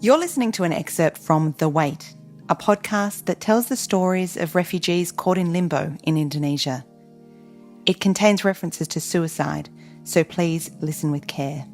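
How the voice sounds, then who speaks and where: A woman hosting a podcast, calmly announcing segments in scripted narration. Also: lowish voice, moderate pace, soft background music. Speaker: podcast host.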